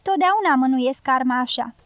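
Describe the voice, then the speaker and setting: A woman's voice: high voice, a bit bright, clear, resonant tone, dry recording. A woman reading a mocking guerrilla sentry. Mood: teasing. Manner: teasing, mocking. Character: joking, careless male guerrilla sentry.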